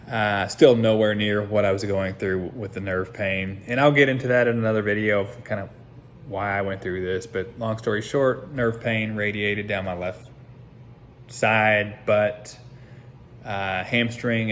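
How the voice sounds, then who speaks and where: An American man recording a casual update as a patient just out of surgery, talking in a subdued, halting, hesitant way as he pieces things together. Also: on the low side. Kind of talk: casual personal vlog. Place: seated at home, talking to camera. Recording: noticeable background noise.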